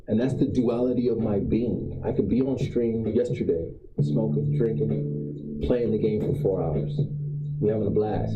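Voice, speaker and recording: A man's voice: on the low side, muffled recording. A man streaming live, giving a rambling, preachy pep talk and repeating his points for emphasis. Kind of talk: casual motivational monologue. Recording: roomy sound with faint guitar music behind.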